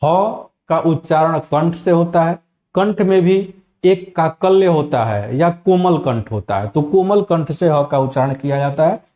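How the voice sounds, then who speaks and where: A man giving a spoken grammar lesson, slowly and methodically spelling out sounds one at a time. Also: on the high side, lively intonation, mellow, muffled recording. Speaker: Hindi teacher.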